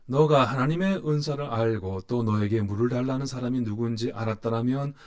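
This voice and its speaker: A man voicing a calm male teacher's quoted words in a measured, solemn reading. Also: medium pitch, close to an everyday voice.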